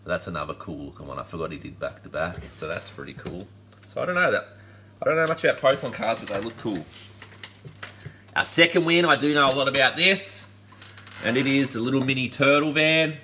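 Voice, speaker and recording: Upbeat man, bright forceful voice. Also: medium pitch, lively intonation, a little fast, slight background noise. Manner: upbeat, rambling, laid-back slang. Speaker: collectibles channel host. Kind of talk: casual unboxing chat. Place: indoor room lined with collectible shelves.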